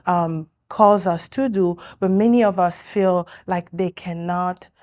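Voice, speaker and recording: A woman's voice: fairly low pitch, takes it slowly, a little mellow. A middle-aged woman from the Democratic Republic of Congo, a dentist being interviewed, speaking earnestly with frequent restarts. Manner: earnest, many restarts and fillers. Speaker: dentist and clinic owner, guest. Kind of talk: interview conversation.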